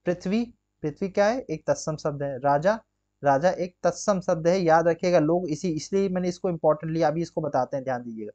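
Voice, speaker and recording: A man's voice: a little high, a little fast, dark tone, lo-fi sound. A man teaching an exam-prep grammar lesson, drilling students with rhetorical questions and constant check-ins. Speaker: Hindi teacher.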